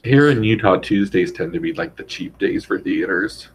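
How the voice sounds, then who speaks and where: A young man in casual chat, rambling and animated as he retells things, heavy on "like". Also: sits low, moderate pace, a little hiss or hum, poor audio.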